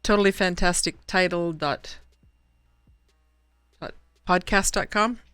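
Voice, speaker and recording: A woman hosting a live writers' stream, talking in a soft, halting way with many restarts. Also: fairly low pitch, clean tone, no room sound. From Canada. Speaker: host of a writers' open mic stream. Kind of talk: casual chat wrapping up a live stream.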